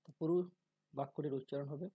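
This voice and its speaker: A man giving a calm spoken lesson on pronunciation, slowly and deliberately drawing out syllables to demonstrate them. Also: a little high, husky, no room sound, dull audio. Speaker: teacher of Sanskrit pronunciation.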